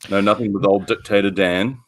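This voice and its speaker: A man's voice: on the low side, steady tone, fairly quick, dry recording. A man co-hosts a political stream with wry, teasing banter. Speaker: co-host.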